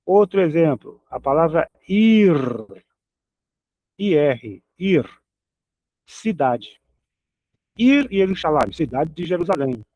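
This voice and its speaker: A man's voice: fairly high pitch, animated, takes it slowly, long pauses, a little mellow, no room sound, highs cut off. A man teaching a recorded Hebrew grammar lesson, patiently repeating each example word.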